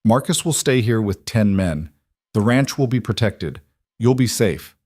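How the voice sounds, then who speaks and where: Man reading as ruthless cattle baron, clipped, low, dry close voice. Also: animated, unhurried, a little mellow, dry recording. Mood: stern. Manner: clipped, curt.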